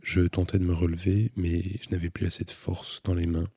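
A man calmly reading a novel aloud as an audiobook narrator, in a measured, introspective way. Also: low-pitched, husky, no echo, studio quality.

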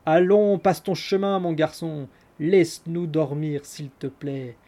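A man's voice: on the high side, steady tone, takes it slowly, dark tone. A man voicing a crowd of fed-up neighbors who scold a noisy stranger from their windows. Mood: indignant. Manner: indignant, scolding.

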